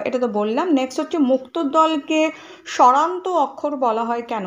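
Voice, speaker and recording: A woman teacher with a West Bengal Bengali accent, spelling out words letter by letter in a grammar lesson and often checking whether students follow. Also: high voice. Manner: spells out letters step by step, checks in with "ঠিক আছে?".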